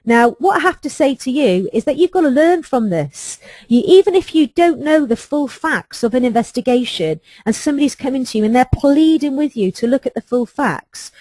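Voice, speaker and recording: A woman's voice: sits high, a little mellow, no echo. A middle-aged woman, an HR trainer giving a webinar, recounting a workplace case in an earnest, emphatic way. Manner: earnest, emphatic storytelling with rhetorical questions.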